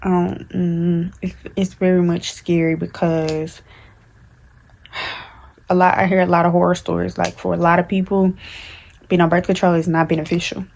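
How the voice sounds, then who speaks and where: A woman in her early twenties with talks candidly in a rambling vlog chat, full of fillers and restarts. Her voice sits low and stays fairly flat in pitch throughout. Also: moderate pace, creaky, pauses often. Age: 20s. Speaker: vlogger. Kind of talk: casual chat to camera.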